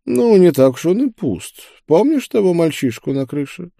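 A jovial middle-aged preacher who teases with wry jokes, as a male narrator puts him on. His voice sits raised and lively, much higher than the narrator's own low tone, and the recording is dry and close. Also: moderate pace, creaky, dry recording, exaggerated voice. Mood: wry teasing. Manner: wry, joking.

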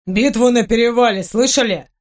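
A woman voicing a gruff mustached male camp guard in a spoken storybook, muttering and grumbling. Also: on the high side, moderate pace, natural voice.

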